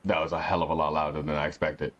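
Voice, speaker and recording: A man hosting a live stream, relaxed and teasing, swearing casually as he chats. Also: rumbling low, racing. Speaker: streamer host. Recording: dull lo-fi with crowd noise.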